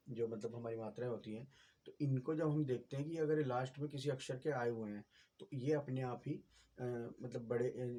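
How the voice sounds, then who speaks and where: Patient man teaching with a husky voice. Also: medium pitch, mellow. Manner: patient, repetitive explaining with many fillers. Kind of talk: explaining lesson on a whiteboard.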